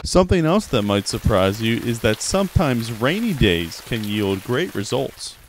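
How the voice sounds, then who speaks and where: A man's voice: medium pitch, sing-song, moderate pace, background noise. A young man reporting a news feature outdoors by a creek, speaking into a handheld mic. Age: young adult. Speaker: student reporter.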